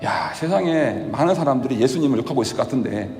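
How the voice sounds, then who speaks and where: Lively male pastor in echoey church. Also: medium pitch, fast talker, faint music behind. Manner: animated, vivid storytelling with acted-out asides. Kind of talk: sermon.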